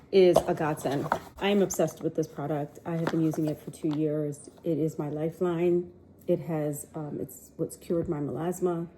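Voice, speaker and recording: A woman's voice: low voice, dark tone, slight background noise, poor audio. A middle-aged woman with a cold, chatting upbeat and straight to camera in a casual vlog. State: sniffly with a cold. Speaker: lifestyle vlogger.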